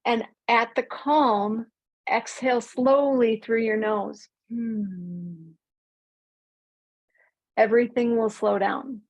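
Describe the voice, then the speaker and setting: A woman teaching an online mindfulness class, speaking calmly and drawing out key words slowly. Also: fairly high pitch, highs cut off. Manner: calm, slows and stretches key words. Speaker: mindfulness coach.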